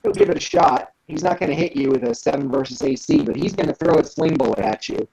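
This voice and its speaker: A woman narrating as game master of a tabletop game, relaxed and hesitant with frequent ums. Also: deep voice, fast talker, gravelly, poor audio.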